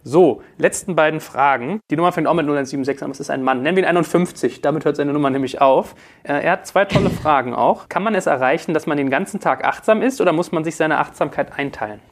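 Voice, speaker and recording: A man hosting a casual podcast, reading listener questions and spinning jokey anecdotes. He talks fast. His voice sits a little high for a man. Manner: brisk, jokey storyteller.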